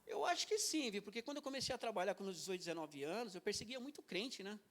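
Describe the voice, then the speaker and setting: A man's voice: high-pitched, animated, fast talker, a bit bright. A man in his fifties from Brazil, a guest pastor telling his personal testimony in an interview with vivid, emotional storytelling. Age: 50s.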